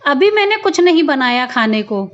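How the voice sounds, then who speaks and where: A woman's voice: high voice, sing-song, normal speed, fairly bright tone, lo-fi sound. A woman voicing a snappish scolding daughter-in-law. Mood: curt, scolding. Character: sharp-tongued young elder daughter-in-law, scolding and impatient.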